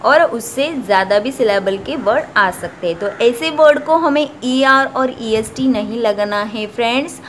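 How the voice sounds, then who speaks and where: A woman teaching English grammar in a classroom style. She reads each rule out slowly, then explains it at length and keeps repeating "okay, remember.". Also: on the high side, fairly bright tone. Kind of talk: classroom grammar lesson, mixing Hindi and English.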